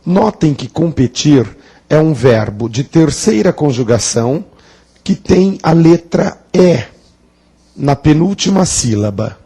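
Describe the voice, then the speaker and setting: A man's voice: a little high, big pitch swings, slow, dark tone, slightly rough. A man teaching a grammar lesson at a classroom blackboard, playful, asking the class questions and drawing out words for emphasis. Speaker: Portuguese teacher.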